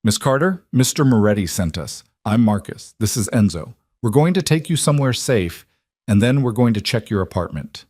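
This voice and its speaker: A man's voice: on the low side, expressive, moderate pace, darkish tone, slightly rough, no echo, studio quality. A man reading as a polite, formal bodyguard. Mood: composed. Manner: formal, composed.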